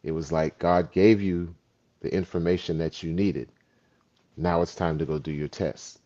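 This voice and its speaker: A man with a very low, deep voice talks through his thoughts in a relaxed chat, building his points slowly with stories. The sound is dull and a bit lo-fi. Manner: reflective, storytelling. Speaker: actor. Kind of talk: casual chat.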